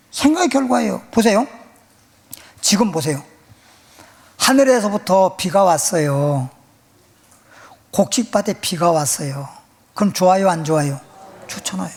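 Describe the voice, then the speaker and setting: A man preaching a sermon in a church, his voice sitting notably high. He talks in a folksy, animated way, tossing rhetorical questions at the congregation. The delivery is plain and conversational. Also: a little slow, vocal fry, pauses often. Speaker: pastor. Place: church sanctuary.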